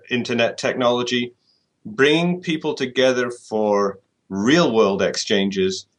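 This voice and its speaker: Thoughtful man, lowish voice. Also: a bit bright. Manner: thoughtful, restarts and repeats words while reasoning. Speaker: author, interview guest. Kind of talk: conversational interview.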